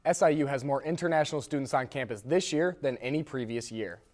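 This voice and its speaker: A man's voice: mid-range voice, fast talker. Young man anchoring a sports show. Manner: even, anchor-style read. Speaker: news anchor and reporter. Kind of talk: scripted news presenting.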